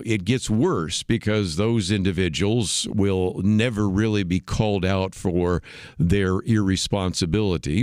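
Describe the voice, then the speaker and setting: A man with a lowish voice hosting a radio talk show, recorded dry and close in a studio. He speaks in a measured, explanatory way and often fills pauses with "uh". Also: darkish tone, no room sound. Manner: measured, explanatory, frequent "uh" fillers. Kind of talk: unscripted radio commentary.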